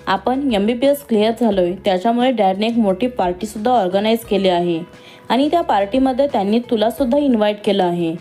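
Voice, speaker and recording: A woman's voice: medium pitch, fast, warm tone, faint music behind, lightly acted. A woman voicing an outspoken, teasing young woman who has just qualified as a doctor, in a read-aloud story. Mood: lively. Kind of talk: storybook reading.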